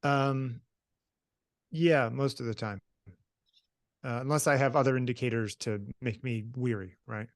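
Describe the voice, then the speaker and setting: A man's voice: mid-range voice, a little slow, pauses often, dry recording. A man speaks as a guest in an easy conversation, matter-of-fact and ready to question what he hears. His voice sits in a middle register, and the recording is dry and close. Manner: relaxed, matter-of-fact, pushes back. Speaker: guest photographer. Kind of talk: conversational discussion.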